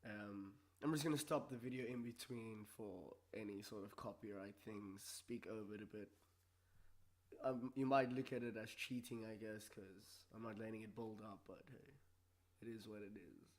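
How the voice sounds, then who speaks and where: A man hosting a casual solo vlog, talking and reacting in a low-key, low-energy way while a bit under the weather. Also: steady tone, moderate pace. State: a bit sick. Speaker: video show host.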